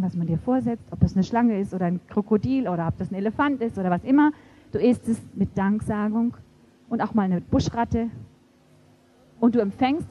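Husky-voiced woman preaching. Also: mid-range voice. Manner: animated storytelling, acting out quoted voices. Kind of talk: sermon. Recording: dull lo-fi recording.

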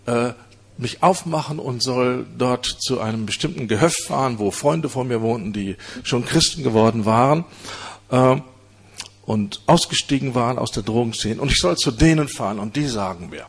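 A man preaching, telling his own conversion story in an earnest, halting way. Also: mid-range voice, breathy edge. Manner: earnest storytelling with many hesitations. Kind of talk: testimony sermon.

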